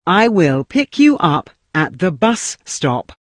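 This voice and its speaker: Mid-pitched reader, slow, lively intonation, repeats lesson lines; dry close mic. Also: no echo.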